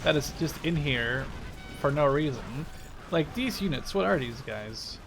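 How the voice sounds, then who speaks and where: Music plays in the background as this gaming video host, a man in his twenties from the Netherlands, talks in a high-leaning, animated but unhurried way. He rambles through excited, informal commentary on a video game and swears along the way.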